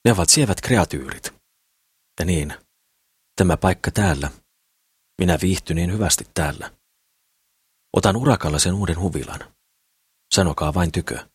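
Man reading naive dreamy idealist, low husky voice. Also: pauses often, dry recording, studio quality. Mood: cheerful. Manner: rambling and eager. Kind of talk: audiobook character reading.

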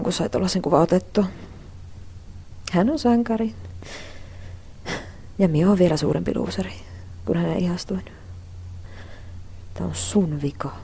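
A woman's voice: fairly low pitch, vocal fry, a little hiss or hum. A woman playing a bullied, anxious schoolgirl. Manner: quiet, brooding, talking to herself. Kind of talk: inner monologue.

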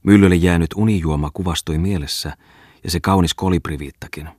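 A man narrating a literary audiobook in a measured, even manner. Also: deep voice, husky, dry recording, studio quality. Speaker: audiobook reader.

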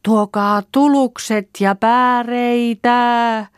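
A woman's voice: low-pitched, expressive, no room sound, studio quality. A woman voicing a practical young farm girl who takes charge with short instructions. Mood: steady.

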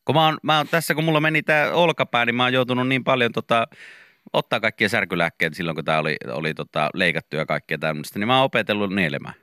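A man's voice: on the low side, clear, resonant tone, no echo, studio quality. A man co-hosting a morning radio show, chatting casually and rambling through his stories with lots of fillers. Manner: rambling, relaxed, many fillers. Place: radio studio. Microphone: studio microphone.

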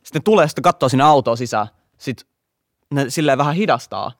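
Young man, Finnish accent, relaxed anecdote, mid pitch, dry close sound. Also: dry recording. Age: young adult. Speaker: podcast host. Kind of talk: casual storytelling chat.

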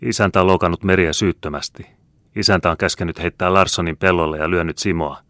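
A man's voice: deep voice, steady tone, a bit bright, no room sound, studio quality. Man doing a defiant farmhand. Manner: insistent, accusing. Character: bold young male farmhand, defiant.

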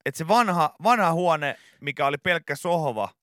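A man's voice: a little high, expressive, sharp tone, no echo, studio quality. A man hosting a morning radio comedy show, rambling through a story with hesitations and restarts. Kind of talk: comic morning radio banter. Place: radio studio.

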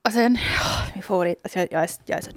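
A woman's voice: lowish voice, no echo. Gushing Finland Swedish woman, dry sound. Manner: gushing, enthusiastic, many restarts. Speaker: podcast host. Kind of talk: casual chat.

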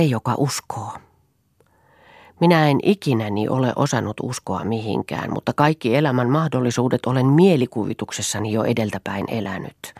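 A woman's voice: very deep voice, darkish tone, husky, dry recording, studio quality, exaggerated voice. A woman reading the lines of a brooding, melancholy young woman in an audiobook, with earnest, sorrowful delivery.

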